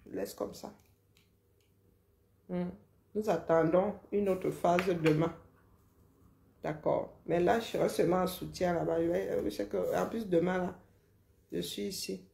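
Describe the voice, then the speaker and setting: A woman's voice: lowish voice, steady tone, normal speed, creaky, warm tone. A woman, ranting casually and mocking someone as she lectures. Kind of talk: casual live rant. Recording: roomy echo.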